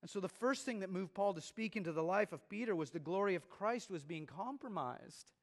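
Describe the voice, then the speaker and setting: A man's voice: high-pitched, lively intonation, fairly quick. A man preaching a sermon as pastor, earnest and growing emphatic. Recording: long reverb of a large room.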